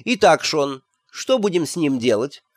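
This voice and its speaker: A man's voice: fairly high pitch, sing-song, a little slow, no echo, pitched above the performer's own voice. Offhand, breezy young queen, lightly raised voice, played by a male reader; dry sound. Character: calm eerie young queen, axe-wielding.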